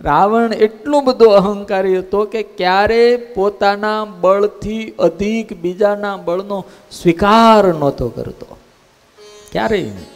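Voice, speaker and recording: A man giving a storytelling sermon as a swami in a temple, acting out voices with lively animation. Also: high-pitched, slow. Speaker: swami giving a religious discourse. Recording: long temple hall reverb, faint music.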